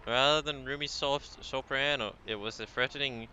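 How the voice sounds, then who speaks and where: A man's voice: mid-range voice, fairly even intonation, normal speed, highs cut off, background noise. A man streaming a story game, reading its narration aloud in a casual, joking way.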